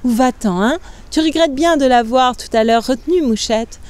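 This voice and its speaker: A woman voicing a sly, cruel sixteen-year-old girl who taunts in a soft, low voice, in a storybook reading. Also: moderate pace, close to an everyday voice. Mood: taunting.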